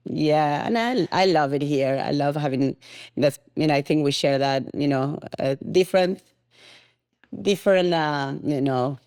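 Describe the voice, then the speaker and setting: A woman's voice: low-pitched, a little slow, a little mellow, clean tone, dry recording, studio quality. A middle-aged woman from Argentina with an Argentine accent, a podcast guest talking casually and laughing often, with many "you know" fillers. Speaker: guest, tango studio founder.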